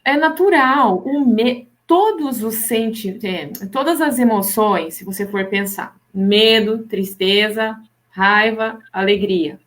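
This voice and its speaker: A woman, a hypnotherapist in a casual live chat, explaining lively and acting out what people say. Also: slow. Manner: animated, acts out imagined people's lines with pitch jumps.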